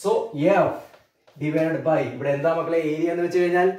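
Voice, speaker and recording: A man with a Malayali accent gives a physics lesson in a fairly high voice. He keeps checking on his students with questions and repeats the key terms slowly. His voice comes from a little way off the mic in an echoey room. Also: fairly even intonation, a little mellow, far from the mic. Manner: keeps asking students questions, calls them children. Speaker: physics teacher. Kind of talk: classroom lecture.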